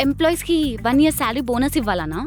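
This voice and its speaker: An actress playing a lazy, sarcastic office worker who answers everyone with wisecracks. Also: female voice, high voice, sing-song, fast, soft background music. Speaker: office employee avoiding work. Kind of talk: web series acting.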